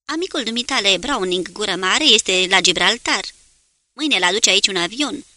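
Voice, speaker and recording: A woman reading the lines of a calm, dry male naval commodore in an audiobook. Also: medium pitch, no echo.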